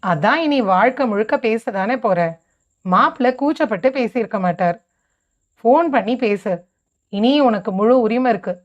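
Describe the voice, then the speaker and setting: A woman's voice: on the high side, normal speed, lightly acted. A woman voicing a middle-aged mother who speaks in a motherly, reassuring way, on a dull lo-fi recording. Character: middle-aged mother, fretful then relieved.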